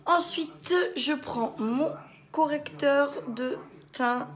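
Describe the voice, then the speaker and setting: A woman hosting a makeup tutorial, narrating each step with little interjections and the odd whisper. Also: on the high side.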